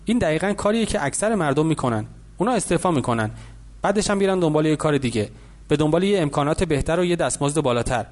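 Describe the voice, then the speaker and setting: A man voicing a wealthy older businessman who calmly lectures a boy in an audiobook. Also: on the high side, natural voice. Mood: lecturing. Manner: patient, instructive.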